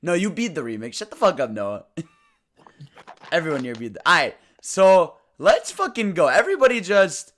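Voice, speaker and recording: A man hosting a casual gaming podcast, introducing guests and joking loudly with lots of swearing. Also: fairly high pitch, sing-song, normal speed, a little hiss or hum. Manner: loud, joking, swears, laughs often. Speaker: podcast host.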